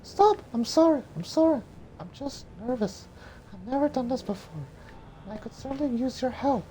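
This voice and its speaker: A nervous, disbelieving young woman warrior acted out by a man, pitched way up into falsetto. The lines come out hesitantly, like cartoon script dialogue, over noticeable background noise. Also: animated, warm tone, low-quality recording. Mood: pleading. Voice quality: high falsetto. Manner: hesitant, halting.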